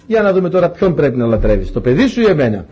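A man's voice: big pitch swings, slightly rough, dull audio. A man voicing God questioning a father in a sermon story. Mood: stern. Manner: low, quiet and probing. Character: God testing a father, stern and quiet.

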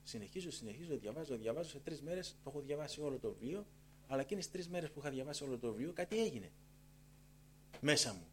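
A man's voice: mid-range voice, slight background noise. Middle-aged man telling his testimony. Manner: lively storytelling, repeats phrases for emphasis; acts out dialogue in changing tones. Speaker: church member giving a testimony. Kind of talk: personal conversion testimony.

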